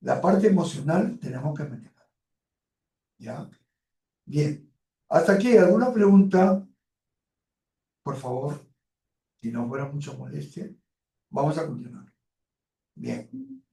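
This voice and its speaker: A man's voice: fairly high pitch, lively intonation, slow, gravelly, long pauses, warm tone, roomy sound, distant mic. A man giving an online university class. He stretches words out for emphasis, uses many fillers and speaks to his students in a direct, colloquial way. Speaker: university lecturer.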